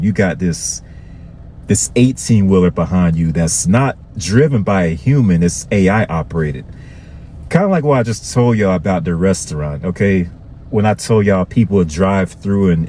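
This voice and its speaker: Male vlogger, very deep, conversational commentary, faint background noise. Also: dark tone. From Florida. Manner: conversational, repetitive, addresses viewers with "okay". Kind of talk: casual commentary to viewers.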